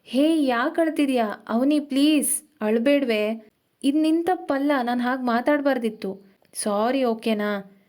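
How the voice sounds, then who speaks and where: A woman voicing a tired young man who speaks softly and apologetically to his fiancée in an audio story. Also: fairly high pitch, normal speed, close to an everyday voice. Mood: tender. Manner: defensive, then softly apologetic.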